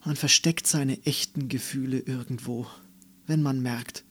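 A man's voice: mid-range voice, fairly even intonation, measured pace, a bit bright, breathy edge. A man voicing a sad young girl's whispered inner thoughts, in a whispered role-play. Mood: wistful. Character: sad young girl thinking to herself.

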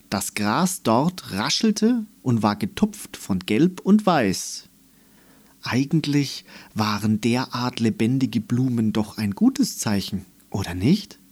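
Male narrator, storybook reading, slow and husky, lively pitch.

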